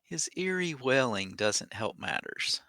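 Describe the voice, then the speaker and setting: A man's voice: medium pitch, big pitch swings, measured pace, pushed and bright, no room sound, studio quality. A man narrating a tabletop game as its game master.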